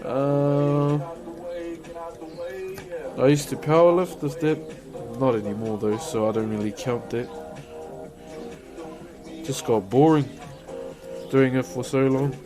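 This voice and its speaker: A man's voice: medium pitch, takes it slowly, pauses often, over music. A man with a broad New Zealand accent, chatting casually as a live streamer and answering viewers in a colloquial, matey way. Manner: laid-back and colloquial, peppering talk with "bro" and "eh".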